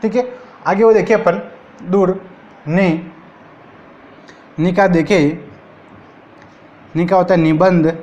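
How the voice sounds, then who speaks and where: Rajasthani guy teaching hindi grammar, highish voice, says every word twice and keeps asking the class. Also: fairly even intonation, darkish tone, lo-fi sound. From India. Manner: repeats each word slowly and asks the class questions. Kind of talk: exam-prep grammar lesson.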